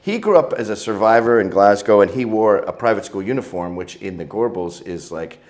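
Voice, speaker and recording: A man's voice: on the low side, lively intonation, fairly quick, darkish tone. A middle-aged man, telling stories as an interview guest in a crude, joking, provocative way. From Canada. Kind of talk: casual interview storytelling.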